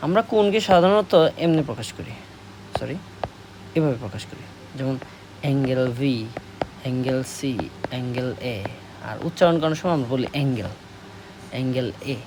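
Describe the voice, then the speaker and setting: Man, Bangladeshi Bengali accent, math lesson, drawn-out repetition, asks and answers himself, light background hiss. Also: medium pitch. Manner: slow, repetitive, asks questions and answers them. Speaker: math tutor. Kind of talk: classroom lesson explaining at a board.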